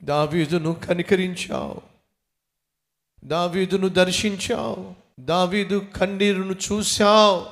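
A man preaching and praying with an impassioned, repetitive cadence, slowing down to stress key phrases. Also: a little high. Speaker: pastor. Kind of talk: sermon and closing prayer.

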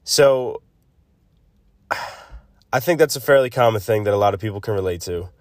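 A man hosting a casual solo devotional podcast, thinking aloud haltingly, recorded on a phone's built-in mic instead of a proper microphone. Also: lowish voice, no room sound. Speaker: podcast host. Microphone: built-in phone mic, no separate microphone. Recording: close, dry phone recording.

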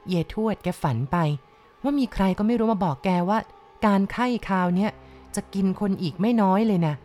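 Woman doing a hushed, frightened village woman. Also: mid-range voice, lively intonation, moderate pace, faint music behind, lightly acted. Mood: fearful. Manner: hushed, half-whispered telling.

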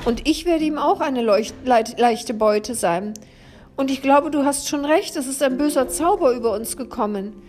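A woman's voice: sits high, moderate pace, a little mellow, a little hiss or hum, close to an everyday voice. Woman voicing a wailing half-blind gnu. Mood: lamenting. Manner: wailing, plaintive.

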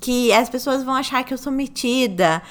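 A woman hosting an interview, chatting casually and reacting in an expressive, exclamatory way. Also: high-pitched, normal speed. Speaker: host.

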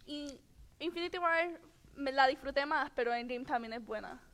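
Woman panelist, slightly high voice, calm and thoughtful. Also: moderate pace. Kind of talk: casual chat.

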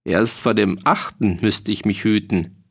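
A man's voice: on the low side, fairly even intonation, a little slow, creaky. A man voicing a boastful, jolly mercenary soldier in an audiobook reading, hearty and bragging. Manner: hearty, bragging, dialect-heavy.

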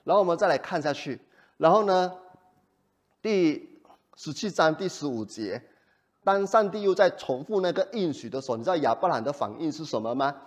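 A male pastor preaching a sermon in an animated way, often putting rhetorical questions to the congregation. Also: on the high side, fairly quick.

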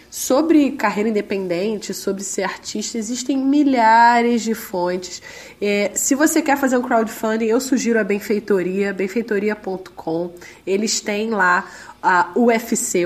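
A Brazilian Portuguese-speaking woman giving a conversational interview, her voice hoarse and duck-like as she recovers from laryngitis. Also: medium pitch. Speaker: interviewee, independent musician.

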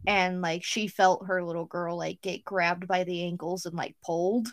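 A woman's voice: fairly low pitch, little pitch movement, moderate pace. A young woman co-hosting a podcast, chatting casually, saying "like" constantly and swearing now and then. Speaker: podcast co-host. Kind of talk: casual chat.

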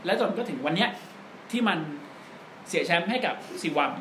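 A man's voice: high voice, lively intonation, a little fast, noisy background. Laughing, crude-talking man telling stories in an echoey room. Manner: crude joking storyteller, laughs often. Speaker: podcast co-host. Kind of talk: casual chat.

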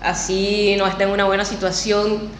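A woman's voice: mid-range voice, little pitch movement, normal speed. A woman from Venezuela, a podcast guest, telling her story in a chatty way with frequent laughs and a nervous edge. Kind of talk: casual interview. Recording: echoey room, faint noise.

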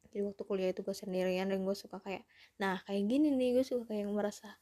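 A woman hosts a casual solo podcast, rambling and self-deprecating, in a soft-edged voice. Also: mid-range voice, quick pace. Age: 20s. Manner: rambling, self-deprecating, often chuckling to herself. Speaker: podcast host.

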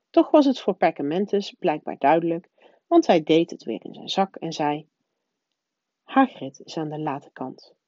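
A woman reading a children's novel aloud in a soft, low-key narrating voice. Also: no echo. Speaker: reader. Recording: dull, dry lo-fi recording.

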